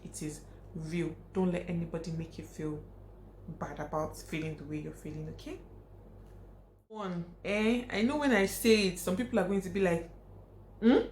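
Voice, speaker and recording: A woman's voice: fairly low pitch, a little mellow. A young woman vlogger giving frank, emphatic advice to her viewers, repeating her points for stress. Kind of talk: casual advice talk to camera. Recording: echoey room, faint hiss.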